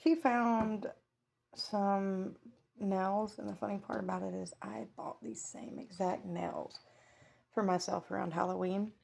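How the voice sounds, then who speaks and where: Creaky-voiced woman chewing while she talks. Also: mid-range voice, steady tone, measured pace, a little mellow. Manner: chewing food while talking; rambling, self-interrupting, chuckling between phrases. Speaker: vlogger. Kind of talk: casual chatty eat-with-me vlog.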